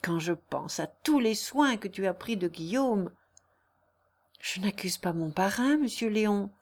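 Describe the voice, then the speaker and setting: A candid young country girl from a classic novel, honest and sorrowful as she protests her innocence, read aloud by a woman. She speaks at a mid pitch with plain, heartfelt sincerity. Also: lively intonation, a little slow, darkish tone. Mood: sincere, aggrieved.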